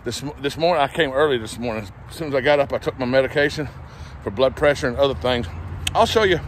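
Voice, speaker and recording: A man's voice: medium pitch, fast, a little hiss or hum. A middle-aged man, chatting casually into his phone while walking a trail, a bit out of breath. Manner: chatty, rambling, self-deprecating. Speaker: vlogger. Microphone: phone held while walking.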